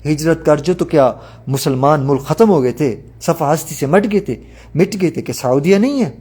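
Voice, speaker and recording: A man's voice: on the high side, expressive, mellow, husky. A man preaching a sermon, talking emphatically and putting rhetorical questions to his listeners.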